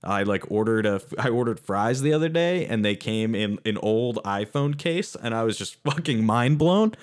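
A man's voice: lowish voice, moderate pace. Man ranting animatedly in casual chat. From lives in New York. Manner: animated, profane, exasperated ranting with mocking quoted voices. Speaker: podcast co-host. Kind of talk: casual chat, comedic rant.

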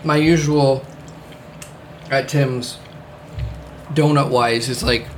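A man's voice: mid-range voice, steady tone, slow pace, a little hiss or hum. A man hosting a casual podcast chat, rambling with many fillers and the odd swear word. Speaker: podcast host.

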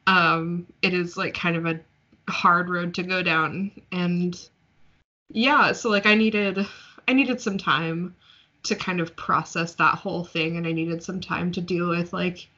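A woman's voice: fairly low pitch, steady tone, a little slow, pushed and bright. Chatty young woman on a lo-fi call. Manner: chatty, laughs often, many fillers. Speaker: podcast co-host. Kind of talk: casual chat. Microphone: recorded over video call. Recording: dull lo-fi call audio.

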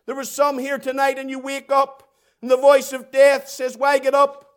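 A man with a very high-pitched, completely flat voice preaches an impassioned evangelistic sermon. His delivery is emphatic and dramatic, repeating phrases and stretching them out for weight.

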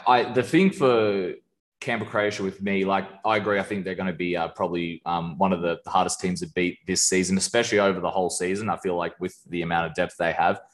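A man with a very low voice hosting a laid-back football podcast. He talks in a relaxed, rambling way. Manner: relaxed, rambling, laughs easily. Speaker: podcast host. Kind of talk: casual podcast chat.

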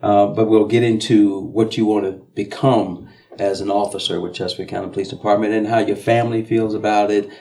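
Man, low gravelly voice, podcast host, unhurried, lots of ums. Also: fairly even intonation, warm tone. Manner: unhurried, with many ums and restarts. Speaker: podcast host, police officer. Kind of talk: casual podcast interview.

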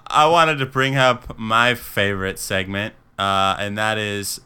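A man's voice: lowish voice, fairly even intonation, a little slow, pushed and bright, clear, resonant tone. A man hosting a podcast, telling stories loosely and laughing often. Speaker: podcast host. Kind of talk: casual chat.

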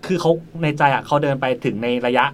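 A man co-hosting a podcast, telling a travel anecdote in a quick, animated way, sitting a little off the mic. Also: medium pitch, a crowd in the background. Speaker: podcast co-host. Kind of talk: casual chat.

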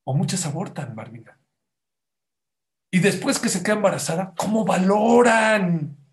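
A man preaching a sermon to a congregation, dramatic, dropping to a hush and then rising loud as he acts out the people in his stories. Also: high-pitched, lively intonation, normal speed, a little hiss or hum. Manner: dramatic, swings from hushed to loud, acts out quotes.

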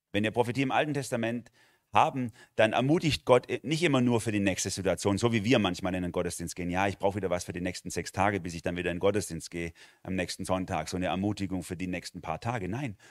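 A man with a fairly low voice preaches with lively emphasis and acts out the voices he quotes. He sounds close to the mic, and the sound is dry with no room echo. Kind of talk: sermon.

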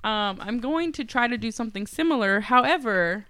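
Young woman, podcast co-host, animated slangy storyteller, lively swings in pitch, dry close sound. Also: moderate pace, smooth, no echo. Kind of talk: casual podcast chat.

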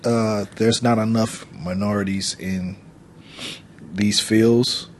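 A man co-hosting a casual podcast, making his points patiently between steady agreement. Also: on the low side, slow, a little hiss or hum. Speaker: podcast co-host.

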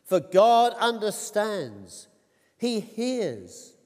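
A man with a high, light voice preaches a sermon at an unhurried pace. He speaks in a measured, deliberate way, lifting his voice on quoted cries. His words ring with the long reverb of a large church hall. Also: big pitch swings, a little mellow.

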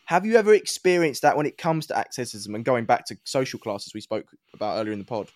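A man's voice: medium pitch, very animated, fast talker. A man hosting a casual podcast chat in a matey, blunt, opinionated way. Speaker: podcast host.

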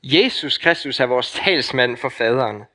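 Young Danish-accented male preacher, ringing bright voice, impassioned sermon that swings between loud emphasis and near-whispered intimacy. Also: mid-range voice, expressive.

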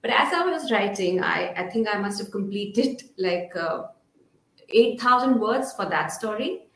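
Woman, middle aged, guest on an interview, rambly and hesitant, medium pitch, echoey. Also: lively intonation, a little slow, a bit bright. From Srinagar, Kashmir, India. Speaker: guest author. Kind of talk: conversational interview answers. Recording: roomy, echoing sound.

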